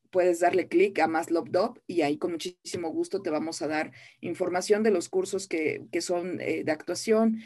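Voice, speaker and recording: As an interview guest, this voice acting teacher from Mexico talks earnestly and encouragingly, often repeating phrases to stress them. Her voice is lowish with a darkish tone and a Mexican Spanish accent.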